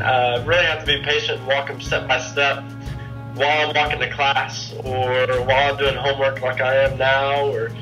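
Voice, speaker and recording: A man's voice: medium pitch, sharp tone, low-quality recording. A nineteen-year-old man from Texas with an American accent, casually explaining his work as a social media coordinator. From Texas, United States. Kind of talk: casual self-introduction. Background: faint music.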